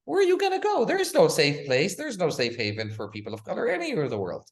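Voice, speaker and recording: Speaking fast, with a slightly high voice whose pitch swoops wildly, this guest author makes impassioned points in an interview. He hammers them with forceful rhetoric, returning again and again to "again" and "right?"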